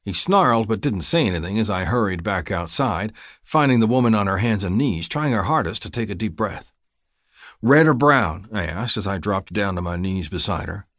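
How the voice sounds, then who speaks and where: Audiobook reader, male, lowish voice, dry close mic, steady gritty first-person storytelling. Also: a little fast, no echo. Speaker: audiobook narrator. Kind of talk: scripted first-person narration.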